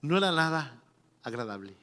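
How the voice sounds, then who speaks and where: A man preaching a sermon, animated, acting out quotes and laughing often. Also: fairly high pitch, moderate pace. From Mexico. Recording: long reverberant hall.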